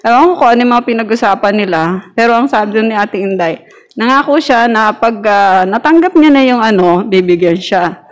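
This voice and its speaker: A woman's voice: a little high, a little fast. A middle-aged woman sharing a personal testimony in a church group, chatty and laughing often as she acts out quoted arguments.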